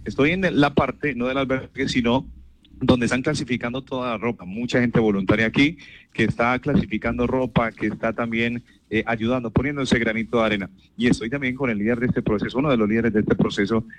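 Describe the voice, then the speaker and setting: Reporter guy live from a park, quick upbeat talk, bit of noise behind. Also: medium pitch, fairly even intonation. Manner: brisk, upbeat on-location delivery. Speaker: field reporter. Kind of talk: live radio field report. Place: outdoor park shelter.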